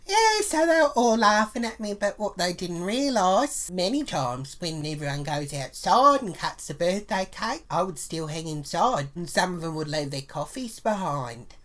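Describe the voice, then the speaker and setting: A woman's voice: fairly low pitch, lively intonation, normal speed, hardly any pauses, fairly bright tone. A woman with an Australian accent telling a crude story and giving a cooking tutorial, swearing bluntly all the way through. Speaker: vlogger.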